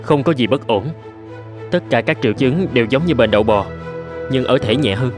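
In a cartoon dub, a man voices an earnest, caring country doctor, serious and concerned as he explains things through first-person storytelling. His medium-pitched voice is animated and lightly acted, at a moderate pace, with music running underneath.

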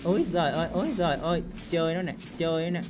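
A woman commentating on her own gameplay, excitable and full of loud, repeated exclamations. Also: low voice, racing. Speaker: game streamer. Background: game music and sound effects.

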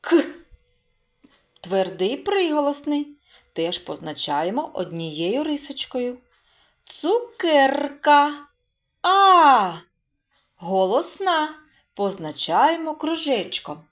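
A woman teaching a remote literacy lesson to young children, sounding out syllables slowly and praising them as they go. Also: a little high, big pitch swings. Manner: slow, drawn-out sounding out of syllables; praising and encouraging. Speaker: preschool teacher.

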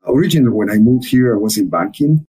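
A man with a heavy Ecuadorian Spanish accent speaks as a guest on a podcast. His voice is dark and slightly husky, earnest, with frequent restarts and repeated words. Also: mid-range voice, animated, quick pace, poor audio. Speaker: guest, chamber of commerce officer. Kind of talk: podcast interview.

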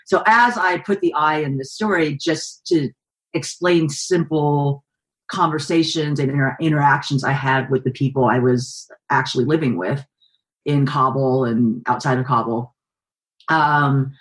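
A thoughtful woman in her forties, from the Bay Area, speaks as an author and journalist guest. Her answers come steadily, with frequent pauses and fillers. She is recorded over a video call webcam in a home living room. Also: low voice. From San Francisco Bay Area, US. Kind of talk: reflective interview answers.

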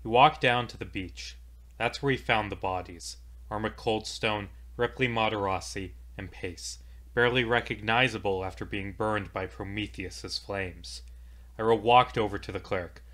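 A man narrating a fantasy tabletop adventure in measured, dramatic tones. His voice sits fairly low but carries a bright, forceful edge that keeps the story moving. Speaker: storyteller recapping a tabletop campaign. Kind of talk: scripted narration.

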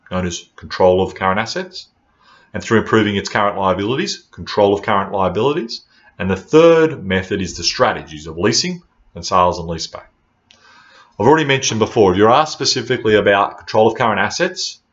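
Low-voiced man teaching in blunt, informal style. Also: a bit bright. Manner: blunt, colloquial, repeats points for emphasis. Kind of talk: informal classroom lecture to camera. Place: small indoor room at home or office. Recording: slightly dull webcam audio.

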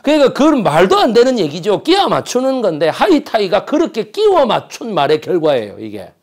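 A man giving a storytelling history lecture, animated and jokey, often asking his audience questions and acting out quotes. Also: high voice, brisk. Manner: slips into dialect when quoting figures.

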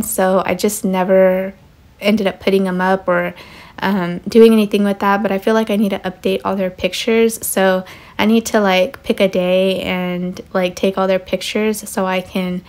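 A woman talks viewers through tidying her home in an easygoing voice-over, loose and full of fillers. Her voice stays level in pitch with little rise and fall, and a gravelly fry runs through it. She sounds like a mother chatting about her chores. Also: moderate pace. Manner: relaxed, rambling, lots of fillers. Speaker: home cleaning vlogger. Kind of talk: casual voice-over narration.

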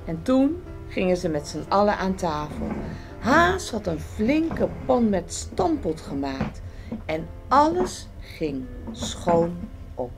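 A woman reading a children's picture book aloud, gentle and expressive. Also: mid-range voice, slow pace, music in the background. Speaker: storyteller.

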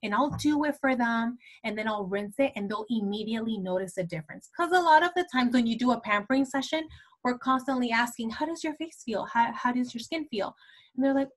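Speaking a little fast at a fairly high pitch, a twenty-something beauty sales team leader chats through a casual product training session for her team. She talks loosely, leaning heavily on fillers such as "like" and "um."

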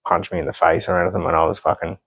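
A man's voice: low voice, level tone, racing, creaky, a bit bright, slightly rough, no echo. A young man telling his own story as a podcast guest, blunt and full of swearing, with rambling asides. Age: young adult. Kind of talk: candid personal storytelling.

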